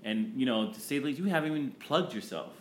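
A man's voice: medium pitch, lively intonation, fast talker, reverberant, a little hiss or hum. A man hosting a business podcast with emphatic energy, hyping the listeners and praising his guest. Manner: emphatic, hypes the audience. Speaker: podcast host.

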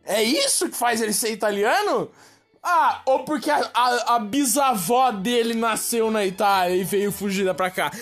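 A woman's voice: fairly high pitch, normal speed, faint music behind. A Brazilian woman ranting in a slangy, exasperated comic monologue to her viewers. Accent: Brazilian Portuguese. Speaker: vlogger. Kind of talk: slangy comic rant to camera.

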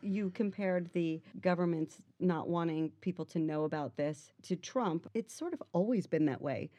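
A woman's voice: lowish voice, moderate pace, dark tone. A woman co-hosting a podcast, chatting casually and trading facts in easy back-and-forth banter. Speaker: podcast co-host.

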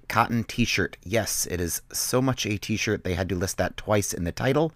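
A man co-hosting a comedy podcast, casually telling a deadpan absurd story as a product review. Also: fairly low pitch, no echo, studio quality.

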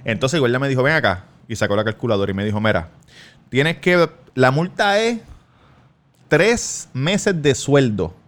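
A Puerto Rican man, a podcast co-host, tells a story with a lively, swinging pitch. He talks at a middle pitch and acts out the voices of the people in his tale. He curses often in a loose, chatty way. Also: moderate pace. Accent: Puerto Rican Spanish. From Puerto Rico. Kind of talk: casual storytelling among friends.

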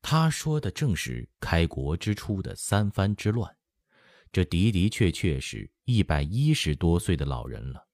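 A man's voice: low-pitched, measured pace, no echo. A man narrating a historical novel as an audiobook, telling the story expressively. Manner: expressive storytelling, acts out quoted lines. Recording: dry close studio sound.

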